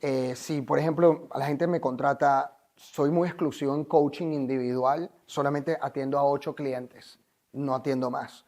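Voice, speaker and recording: A man's voice: medium pitch, fairly even intonation, moderate pace, a little mellow. Earnest Venezuelan man telling his story. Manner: earnest, emphatic, motivational. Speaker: life coach, guest. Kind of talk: interview storytelling.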